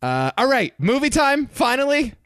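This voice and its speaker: A man's voice: extremely high pitch, sing-song, moderate pace, fairly bright tone, clear, resonant tone, no room sound, studio quality. A man co-hosting a comedy podcast, teasing his friends and often stumbling and restarting his words. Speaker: podcast co-host. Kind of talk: casual comedy chat.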